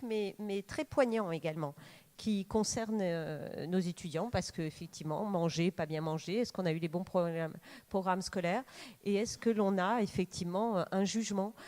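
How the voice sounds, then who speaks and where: A woman's voice: lowish voice, warm tone. Woman host at a speech contest, lots of euh, stops and restarts. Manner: hesitant with many fillers. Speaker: event host.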